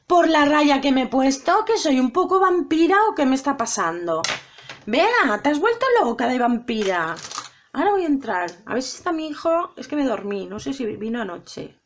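A middle-aged woman from Spain with a high voice, chatting through a makeup tutorial. She talks straight to her viewers, chatty and self-dramatizing, with a Spanish accent. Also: sing-song, moderate pace. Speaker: beauty vlogger. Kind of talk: casual makeup tutorial chat.

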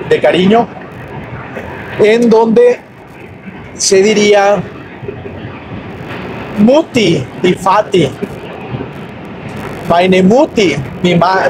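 Slow high-voiced Mexican man teaching from a car. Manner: patient, repeats each word in both languages. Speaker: language teacher. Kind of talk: casual spoken lesson while driving. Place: inside a car on a highway. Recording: car interior with road noise. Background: road and engine noise.

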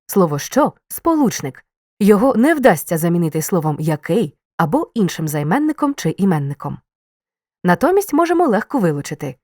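Lively low-voiced woman teaching grammar. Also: a little fast, no echo, clean studio sound. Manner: clear, even explanatory delivery with stressed key words. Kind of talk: scripted grammar lesson.

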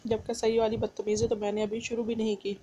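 A playful, bossy young husband from a romance novel, read aloud by a woman. The voice sits fairly high and soft, with little rise and fall. He teases more than he acts out. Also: flat delivery, fast talker, natural voice. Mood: teasing.

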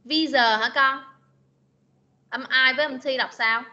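A woman teaching an online class, patiently repeating words slowly to model pronunciation. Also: sits high, fairly even intonation, sharp tone. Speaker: English teacher. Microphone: video call. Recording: lo-fi video meeting recording.

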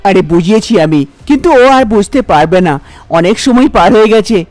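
A woman's voice: medium pitch, lively intonation, a little fast, darkish tone, no room sound, close to an everyday voice. A woman voicing an anxious young man in a cartoon, pleading and worried.

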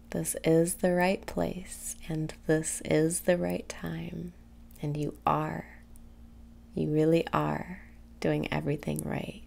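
Slow, gravelly-edged woman guiding meditation softly. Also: low-pitched. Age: young adult. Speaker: meditation guide. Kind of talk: guided meditation. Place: small room indoors.

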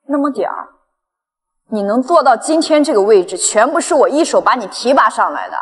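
A woman's voice: a little high, very animated, brisk. An actress playing a betrayed, indignant young company chairwoman in a short drama, stern and defiant. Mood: hurt, indignant. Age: young adult. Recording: long hall-like reverb.

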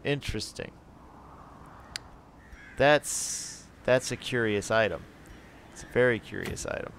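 A man giving casual gameplay commentary, reading item text aloud and thinking out loud as he sorts his party. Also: mid-range voice, a little slow, slight background noise. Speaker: gaming channel host.

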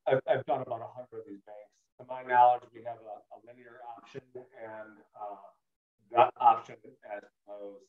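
A man speaks with his phone held away from his mouth, so his voice comes through faint and far off on a tinny phone line. The line sounds echoey. He talks haltingly, with fillers and restarts. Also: mid-range voice. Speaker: sign contractor calling into a public meeting. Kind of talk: remote call-in comments at a meeting.

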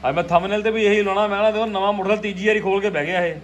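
Casual home vlog chatter comes from a man with a Punjabi accent, a family vlogger who teases, repeats himself a lot, and speaks rapid-fire in a high voice with fairly even intonation. He records on a phone in his hand, and the result is noisy.

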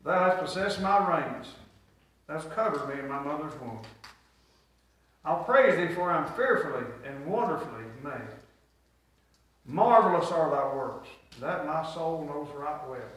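In a small church sanctuary, a middle-aged pastor delivers a call-and-response sermon, his congregation answering him. His fairly high, fairly bright voice is animated yet measured in pace, and the echoey recording comes from a distance.

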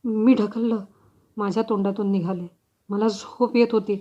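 A woman voicing a frightened, guilt-stricken young mother confessing in halting words, on a slightly dull recording. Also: medium pitch, steady tone, mellow, natural voice.

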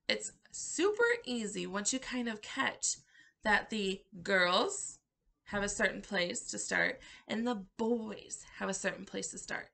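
A woman's voice: mid-range voice, creaky, pushed and bright. A woman leading a circle-time lesson for young children, praising them in an encouraging, cheerful way. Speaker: preschool circle-time teacher.

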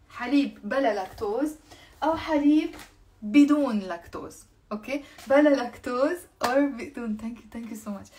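A woman with a Lebanese accent teaches Arabic words at an unhurried pace, saying each one several times and switching between English and Arabic. Her voice sits somewhat high and stays friendly and plain. A faint hiss runs under the recording. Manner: reads out viewers' comments and thanks them. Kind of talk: casual live language lesson.

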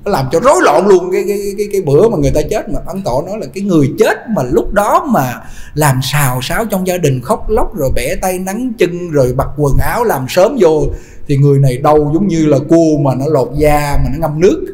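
A man, a Buddhist monk preaching a sermon in a lively storytelling manner with frequent repetition. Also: on the high side, brisk. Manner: lively storytelling, repetitive, laughs at own jokes. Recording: long hall reverb.

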